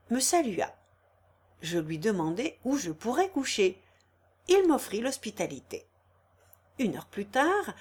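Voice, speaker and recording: A woman reading a literary story aloud as an audiobook narrator, in a slow, measured way. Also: a little high, darkish tone, slightly rough.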